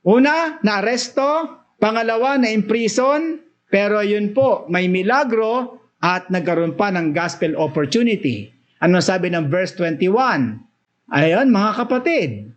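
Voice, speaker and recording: A man's voice: high-pitched, lively intonation, measured pace, dull audio. A man with a Filipino accent preaching a Bible study sermon, switching between Tagalog and English, reading verses aloud and then explaining them with rising, emphatic bursts.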